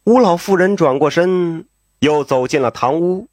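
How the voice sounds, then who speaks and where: A man telling a story in a traditional storytelling style, lively with folksy asides and exclamations. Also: fairly high pitch, unhurried, dry recording.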